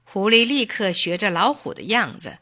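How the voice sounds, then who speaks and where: A woman tells a children's story in a slow, clear, expressive way. Her voice is bright and lively in pitch. The recording is dry and close. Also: no room sound. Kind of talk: storybook narration.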